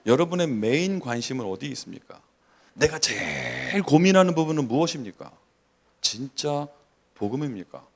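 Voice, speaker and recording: A man in his forties, a pastor delivering a sermon, asking the congregation questions, acting out little scenes and reading scripture slowly. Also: medium pitch. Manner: animated preaching with rhetorical questions and acted asides; slow, measured scripture reading.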